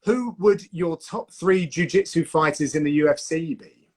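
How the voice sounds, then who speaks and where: A man with a fairly high voice hosts a casual streamed interview. He asks questions with a playful, teasing edge. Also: moderate pace, a little mellow, breathy edge. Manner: teasing, jokey.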